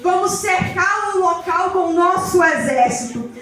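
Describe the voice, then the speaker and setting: A woman voicing hushed, plotting Philistine soldiers. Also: very high voice, lively intonation, unhurried, exaggerated voice. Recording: echoey room with faint music.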